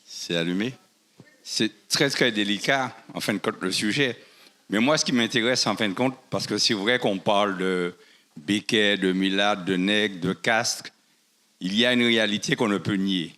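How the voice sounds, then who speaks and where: A man speaking in a measured, reflective way at a public debate. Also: on the low side, sharp tone.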